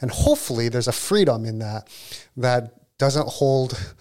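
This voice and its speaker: Guy in his 40s, earnest n reflective, self-deprecating, medium pitch. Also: expressive, unhurried, darkish tone. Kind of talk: casual chat.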